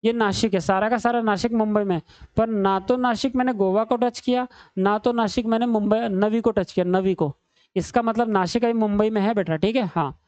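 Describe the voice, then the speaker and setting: A man's voice: sits high, fairly even intonation, moderate pace, darkish tone, clean tone, no room sound. A man teaching an exam-prep reasoning lesson at a screen, chatty and teasing, calling his students son and brother. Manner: chatty, teasing, calls students beta and bhai.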